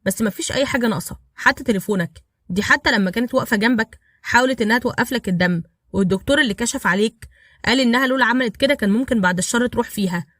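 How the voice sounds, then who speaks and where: A loyal, level-headed friend voiced by a woman reassures in Egyptian Arabic, calm and steady. The words run very quickly in a dry, close storybook reading. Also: fairly high pitch, no room sound. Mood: reassuring.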